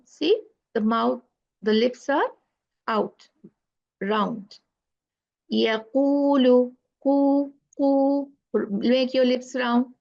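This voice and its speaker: Brief: female tajweed teacher, higher voice with gravelly fry, dull lo-fi recording. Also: a little mellow. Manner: slow, repeats sounds to demonstrate pronunciation. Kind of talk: online lesson.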